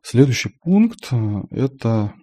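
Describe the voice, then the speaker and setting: Husky, very dark-voiced man. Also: mid-range voice, big pitch swings, slow pace. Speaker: IT developer. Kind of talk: casual monologue.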